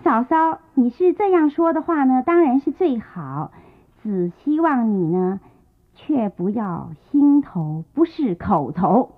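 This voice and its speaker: A woman voicing a stern younger brother who gives slow, measured warnings in a told story. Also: fairly high pitch, lively intonation. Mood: coldly warning. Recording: tinny lo-fi tape.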